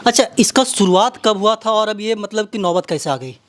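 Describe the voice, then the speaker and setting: A man with a Bihari accent conducts a local media interview, narrating the introduction and asking questions in a dramatic, repetitive style. His voice is high-pitched and animated, at a normal speed.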